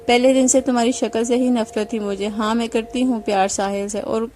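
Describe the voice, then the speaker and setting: A woman voicing a defiant, scornful young wife who shouts back at her husband. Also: mid-range voice, little pitch movement, soft background music, natural voice. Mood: furious. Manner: raised, scornful retorts.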